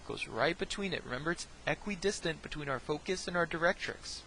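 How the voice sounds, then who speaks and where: A man's voice: high voice, gravelly, a bit bright, a little hiss or hum, rough recording. A man teaching a recorded math lesson, talking each step through, often checking in with "right?" and dropping jokey, self-deprecating asides.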